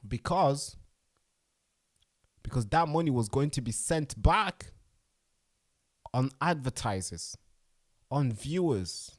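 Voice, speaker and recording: A man hosts a casual livestream, venting in a rant full of swearing. His pitch sits mid-range, and his delivery jumps between quiet, dropped-off mutters and loud, heated bursts. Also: takes it slowly, pauses often. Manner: animated, swearing, swings from mutters to loud outbursts. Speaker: livestream host.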